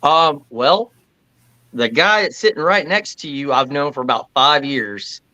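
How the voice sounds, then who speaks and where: A man's voice: fairly high pitch, a little slow, bright, forceful tone, muffled recording. A man with a Florida accent in a casual, slangy chat, talking as a musician in a band. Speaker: band vocalist and guitarist.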